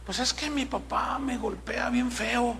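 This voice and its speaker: A man voicing a nervous fourteen-year-old girl in a sermon, hesitant and soft-spoken. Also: very high-pitched, fairly even intonation, measured pace, gravelly, long reverb tail, a little hiss or hum, exaggerated voice.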